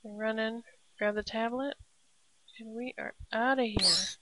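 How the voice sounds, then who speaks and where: A woman casually narrating a game walkthrough step by step, relaxed and prone to laughing. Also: fairly high pitch, measured pace, heavy background noise. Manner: relaxed, laughs often, cheers at a blast. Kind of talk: casual gameplay commentary. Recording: dry, slightly dull lo-fi.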